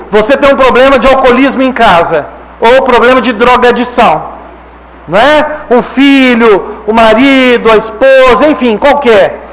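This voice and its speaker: High-voiced man giving a conversational lecture. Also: fairly bright tone, slight background noise, low-quality recording. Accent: Brazilian Portuguese. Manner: conversational, frequent rhetorical "né?" and "tá?". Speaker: spiritist lecturer. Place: lecture hall.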